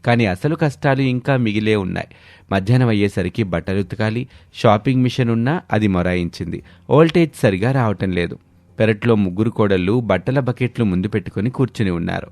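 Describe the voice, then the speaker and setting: A man's voice: fairly low pitch, a little fast, dry recording. Man narrating a cartoon story. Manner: steady, plain telling.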